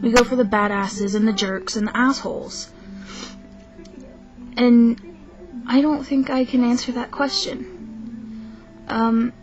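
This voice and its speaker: A woman's voice: on the high side, darkish tone. Hesitant young woman venting on a lo-fi webcam. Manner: hesitant, restarts often, candid and frustrated. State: tired from little sleep. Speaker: vlogger. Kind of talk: casual rant to camera. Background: faint film soundtrack music.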